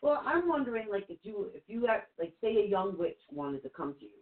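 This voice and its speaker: Gushing woman co-host, lively pitch. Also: fairly quick. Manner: gushing, encouraging. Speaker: co-host, psychic reader. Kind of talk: casual talk show chat. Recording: tinny phone-like call audio.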